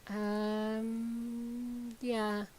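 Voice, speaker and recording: A woman game developer talking casually on a live stream, rambling with lots of ums and likes as she explains software. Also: a little high, level tone, drawn-out words, slight background noise, rough recording.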